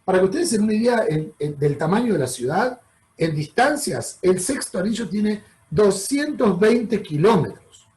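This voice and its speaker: In this low-quality recording, a man speaking with a Rioplatense Spanish accent presents travel slides at a moderate pace in a high, animated, slightly mellow voice. Chatty and explanatory, he calls listeners "chicos" and keeps checking in with "¿ok?".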